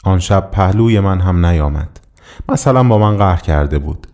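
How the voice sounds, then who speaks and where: A man reading a literary story aloud in a measured, somber first-person narration. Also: deep voice, expressive, darkish tone. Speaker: audiobook reader.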